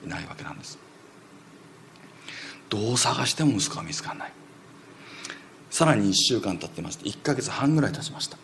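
Male preacher, low gravelly voice, rapid storytelling sermon with faint room noise. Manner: animated, acts out quoted voices, drops to whispers.

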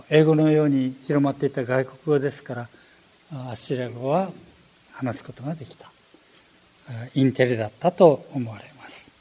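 An older man preaching a sermon, animated, with frequent fillers and self-corrections. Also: medium pitch, slightly rough.

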